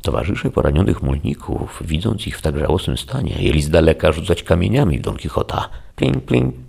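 A man narrating a classic novel as an audiobook, in a measured, solemn storytelling manner. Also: a bass voice, big pitch swings, vocal fry, a little mellow, husky. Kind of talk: scripted literary narration.

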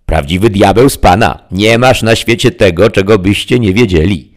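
A man voicing a blustering, excitable peasant squire in a loud, folksy way, reading an audiobook. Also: on the low side, normal speed, voice pushed up, close to an everyday voice.

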